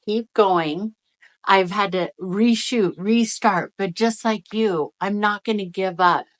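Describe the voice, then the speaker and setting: Speaking slowly in a mid-range voice, a woman who hosts spiritual energy-reading videos delivers an upbeat, casual, emphatic pep talk to viewers. She talks from the side of her mouth, which is numb from the dentist.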